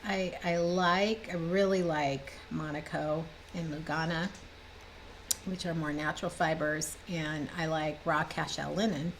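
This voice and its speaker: Her voice sits low, with fairly even intonation and a somewhat slow pace, as this fifty-something cross-stitch vlogger and designer rambles happily through her projects. She sounds a bit stuffed up, chatting indoors in a bookshelf-lined room at home. Audio quality is poor, with slight background noise.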